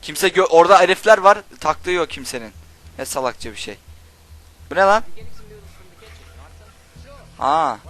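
Bright-voiced man yelling at a game. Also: a little high. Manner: swears and yells at game characters. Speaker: gaming channel host. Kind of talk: Let's Play commentary.

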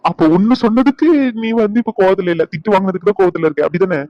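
A man's voice: high-pitched, rapid-fire, no echo, lo-fi sound, lightly acted. A man playing a playful husband who teases and coaxes his angry wife in a comedy skit. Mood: teasing. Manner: coaxing, teasing, pleading. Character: teasing young husband, playful.

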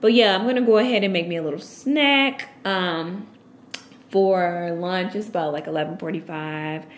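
A woman's voice: lowish voice, moderate pace, slight background noise. Chatty woman in her late twenties. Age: late 20s. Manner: loose and chatty, full of "like" and "um". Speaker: vlogger. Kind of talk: casual vlog chat to camera. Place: at home.

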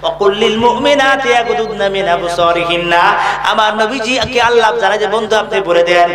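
Brief: high-voiced male preacher with a Bangladeshi accent, shouting and sing-song chanting, working the crowd; echoing mass outdoor sermon. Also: moderate pace. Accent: Bangladeshi Bengali. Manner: chants scripture verses in a sung tone, shouts, calls for crowd replies. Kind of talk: fiery sermon at a religious gathering. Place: large religious gathering. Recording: echoey gathering with a crowd.

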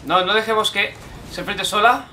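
A young man with a Spanish accent from Spain, commenting on his gameplay, excitable, shouting and swearing at the game. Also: high-pitched, moderate pace, slight background noise. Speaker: gameplay streamer.

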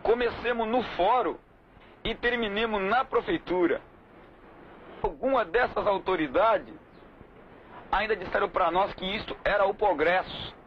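High-pitched man giving measured testimony. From Trindade, Brazil. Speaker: community spokesman. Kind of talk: interview testimony. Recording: muffled 1979 film audio, faint hiss.

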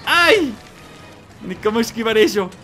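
Excitable young Mexican gamer with a Mexican Spanish accent, bright and sharp, yelping through a let's play. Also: male voice, very high voice, unhurried, faint music behind. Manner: excitable, yelps and curses at the game.

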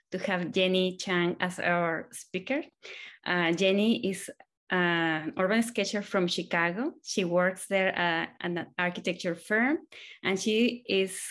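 Slow, low-voiced woman hosting a meeting. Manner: unhurried, warm praise with fillers. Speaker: meeting host. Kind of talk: introducing a guest speaker. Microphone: video call.

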